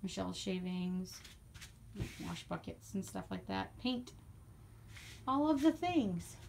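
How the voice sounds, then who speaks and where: A woman giving a casual walkthrough of her horse barn on a handheld phone, chatty and quick to laugh as she points things out. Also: medium pitch, expressive, creaky, darkish tone, a little hiss or hum. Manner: chatty, laughs often, lists items as she goes. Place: horse barn, paddock and tack room, in and out of doors. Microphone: handheld phone camera.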